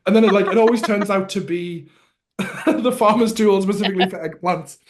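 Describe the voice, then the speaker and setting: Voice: mid-range voice, fairly quick. A host running a casual panel guessing game, joking, giggling and stammering as they think aloud.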